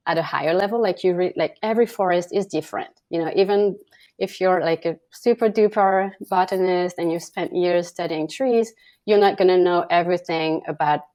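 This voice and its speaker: A woman's voice: lowish voice, darkish tone. Woman with casual, filler-heavy speech. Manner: casual, many fillers like "like" and "you know". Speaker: carbon scientist guest. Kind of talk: conversational interview answer.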